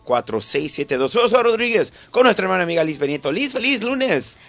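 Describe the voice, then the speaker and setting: Male radio host from Venezuela, somewhat high and bright voice, animated casual chat, easy laugh. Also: fairly quick, gravelly, faint music behind. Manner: animated, laughs easily, many fillers. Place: radio studio.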